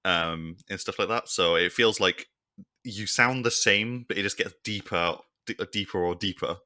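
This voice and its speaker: A low-pitched man with a very bright, forceful tone, co-hosting a podcast. He chats casually and playfully, laughing a lot as he talks. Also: normal speed. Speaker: podcast co-host. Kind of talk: casual chat.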